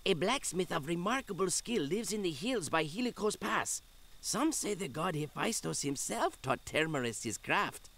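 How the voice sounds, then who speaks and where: A man's voice: high voice, big pitch swings, moderate pace, creaky, hardly any pauses, fairly bright tone, exaggerated voice. An actor playing a male villager in a game, passing on local gossip in a sly, knowing way. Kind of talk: game character voice acting.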